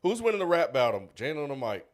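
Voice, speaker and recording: Relaxed man reading chat questions. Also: on the high side, quick pace. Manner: relaxed, reads out listener questions. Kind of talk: casual chat.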